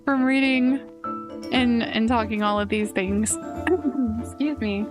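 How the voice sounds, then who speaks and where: A woman's voice: on the high side, slow. A young woman streamer chatting casually and thinking aloud while playing a game. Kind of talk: casual let's play commentary. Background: game music.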